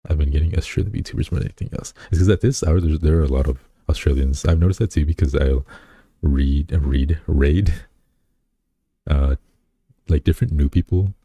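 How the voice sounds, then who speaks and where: With a rumbling low, mellow voice carrying a breathy edge, this male VTuber talks briskly to his viewers and reads out their messages. He wanders off topic, mocks himself, and keeps restarting with plenty of fillers, all captured dry on a close desk mic at home.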